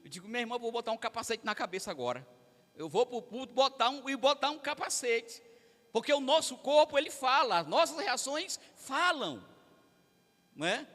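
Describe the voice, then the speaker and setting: A man's voice: extremely high pitch, lively intonation, fairly quick, a bit bright. A man with a Brazilian Portuguese accent, preaching to a family service and talking straight to the congregation. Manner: conversational, addresses the congregation directly. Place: large church hall. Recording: echoey church hall.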